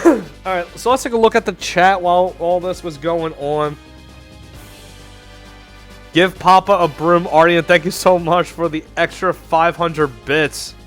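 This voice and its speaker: A man casting a live online game tournament, with excitable, chatty and rambling play-by-play. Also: high voice, unhurried, faint music behind. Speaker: esports tournament caster.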